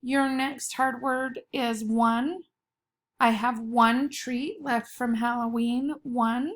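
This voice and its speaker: A woman's voice: a little high, fairly even intonation, takes it slowly. A woman, a schoolteacher dictating a spelling test, setting words apart carefully and repeating them. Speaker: elementary school teacher.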